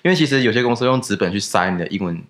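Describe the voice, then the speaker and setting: A man's voice: lowish voice, expressive, very fast, a bit bright. A young man, a guest in a casual podcast chat, who explains things at length and laughs easily.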